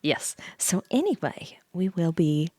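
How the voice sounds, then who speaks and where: A VTuber woman with a lowish voice and big pitch swings hosts an ASMR livestream, blending hushed talk with soft, breathy whispers. She stops and repeats her phrases, staying close to a studio microphone that picks up mouth sounds, with no room sound.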